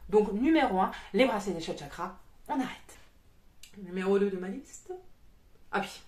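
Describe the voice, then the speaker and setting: A woman's voice: mid-range voice, lively intonation, moderate pace, darkish tone. Vlogging woman medium: crude, blunt, irritated rant, recorded in an echoey room. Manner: blunt, crude, swearing, exasperated. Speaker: spiritual medium and YouTuber. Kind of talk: casual vlog rant.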